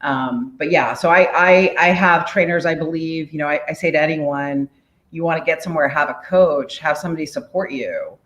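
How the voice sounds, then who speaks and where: A woman in her forties from the DC area, a mayor, talking as a podcast guest in an energetic, upbeat way and laughing often. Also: deep voice, moderate pace, echoey room. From United States, DC area. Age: 40s. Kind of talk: podcast interview, casual.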